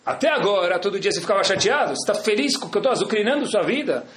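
A man's voice: sits high, lively intonation, rapid-fire, a bit bright. A man doing a sly coaxing wife. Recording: echoey room.

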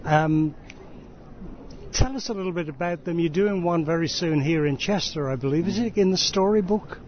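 A man's voice: fairly high pitch, normal speed. A middle-aged man interviewing casually, with an appreciative, encouraging way of asking questions. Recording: dull recording with clear background noise.

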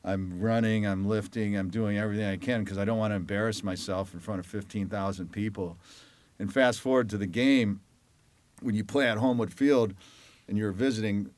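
A man's voice: on the low side, brisk, no echo. A man from Detroit, a former college lacrosse player, telling his story as an interview guest and acting out what others said. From Detroit, Michigan. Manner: animated storyteller who acts out quoted voices. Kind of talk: conversational storytelling.

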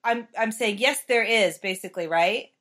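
Casting: female learner-host, native Spanish speaker, fairly high voice, chatty lesson style, keeps checking she has it right. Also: normal speed, a bit bright. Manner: checks understanding with frequent short questions. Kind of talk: conversational language lesson.

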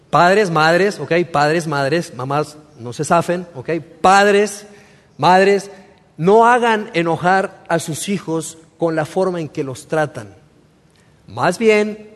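A man preaches a sermon in a high, ringing voice. He talks to the listeners as if chatting with them, then builds to emphatic repeated phrases. His voice carries a long reverb, as in a large hall. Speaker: pastor.

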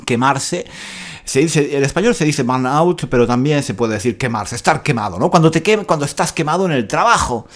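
A man's voice: on the high side, animated, brisk. A man hosting a podcast for learners, talking casually at home in a playful, self-mocking way and repeating his phrases. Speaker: Spanish-learning podcast host.

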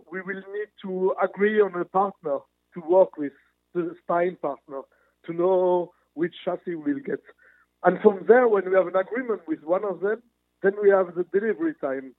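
A motorsport manufacturer executive answers interview questions earnestly over a remote line, his voice high-pitched, often restarting phrases as he hunts for words. The sound is dry and tinny, like a phone line.

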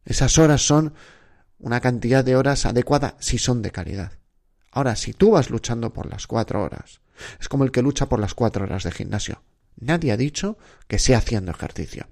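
A man's voice: mid-range voice, creaky, darkish tone. A man hosting an unscripted podcast, giving direct, exhorting advice to exam candidates and asking rhetorical questions. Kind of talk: unscripted motivational podcast talk.

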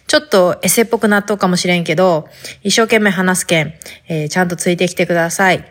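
A woman's voice: on the low side, fast. A woman podcast host speaking in Hakata dialect, telling her story in a chatty, informal way. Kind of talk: casual podcast monologue.

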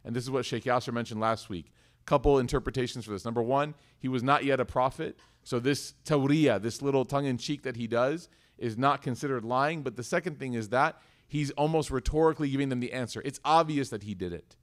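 A man in his thirties giving a lively religious lesson, acting out quoted voices and reciting verses quickly. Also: mid-range voice. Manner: lively storytelling, acts out quoted voices, swings from loud to soft. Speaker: Islamic teacher. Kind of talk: animated sermon talk.

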